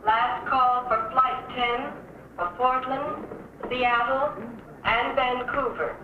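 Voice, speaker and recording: An actress playing a calm airport announcer, speaking in measured, formal announcements over an airport intercom. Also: female voice, high voice, noisy background. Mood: announcing. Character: calm female airport public-address announcer. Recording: tinny, echoey, distant 1950s TV sound.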